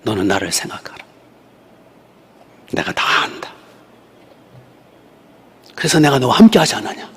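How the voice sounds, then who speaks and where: A man voicing the Lord, speaking softly and slowly in hushed, comforting reassurance. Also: mid-range voice, very animated, slightly rough, full character voice. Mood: tender. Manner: soft, slow, hushed reassurance. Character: the Lord, gentle comforting divine male voice. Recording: reverberant church hall.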